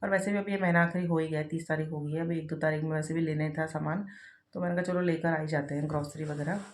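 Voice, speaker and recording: A woman's voice: low-pitched, fairly even intonation, fast talker. A woman in her thirties, a mother chatting casually through her daily vlog with a rambling, filler-heavy way of talking. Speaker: vlogger and mother.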